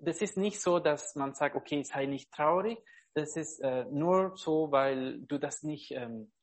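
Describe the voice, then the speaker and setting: Speaking in a slightly high voice, a preacher delivers an informal devotional talk with earnest, halting speech. He frequently gropes for the right words and checks in with those listening.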